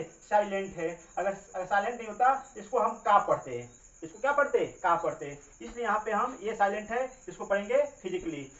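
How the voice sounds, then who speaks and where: A male teacher in a coaching classroom, heard from well away from the mic in a roomy, echoing space. The sound is dull and muffled. He spells words out slowly and keeps asking questions that he answers himself. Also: high voice. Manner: slow, repetitive spelling out of letters. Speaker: English grammar teacher. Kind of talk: classroom lesson. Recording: distant, roomy, dull recording.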